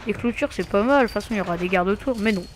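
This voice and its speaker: A man's voice: high voice, racing, a little hiss or hum. A man giving casual gameplay commentary, muttering to himself with asides and mild swearing. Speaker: let's play gamer.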